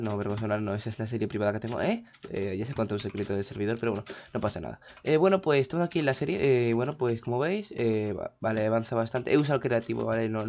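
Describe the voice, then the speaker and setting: A man's voice: medium pitch, darkish tone, muffled recording, a little hiss or hum. A man giving casual, rambling gameplay commentary, often breaking into panicky outbursts. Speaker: gaming YouTuber.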